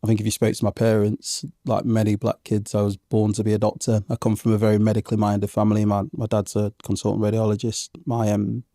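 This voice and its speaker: He talks fast with few pauses, in a fairly low, dark, monotone voice, captured in clean studio sound with no echo. The speaker is a podcast guest in his thirties, raised in England from age one by Zambian parents. He's reflective in this conversational interview, full of ums and restarts.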